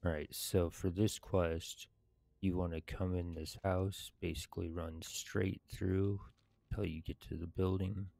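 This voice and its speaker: A gaming video host sits indoors at a computer, reading quest text aloud between bits of casual gameplay commentary. His voice is slow, deep, gravelly and mellow, with a flat delivery and measured, halting reading. The recording is dry.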